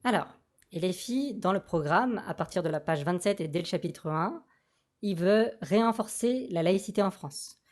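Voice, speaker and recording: A man's voice: expressive, normal speed. A man speaking through a voice changer, patiently explaining a political programme point by point in a casual debate. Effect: voice changer, altered pitch. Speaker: political activist guest.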